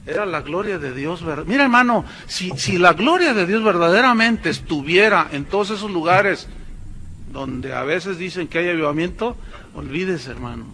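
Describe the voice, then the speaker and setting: A man preaches with emphatic, conversational energy, often turning to address the listeners as brothers. His voice sits high and bright. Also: expressive, moderate pace, a little hiss or hum. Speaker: pastor. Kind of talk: sermon.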